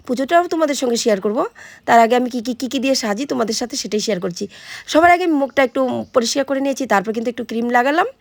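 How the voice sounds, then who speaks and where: Hoarse, gravelly woman vlogging rapidly. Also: a little high, dry recording. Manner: chatty, addresses viewers directly. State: hoarse, sore throat. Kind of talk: casual vlog narration. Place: at home, getting ready.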